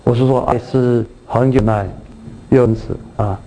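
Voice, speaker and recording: Teaching from a Bible passage, a man preaches at normal speed in a steady, dark, middle-pitched voice. He goes back over his words, restarts phrases, asks if listeners follow, and lifts his voice on key scripture lines. The rough recording has a little hiss or hum.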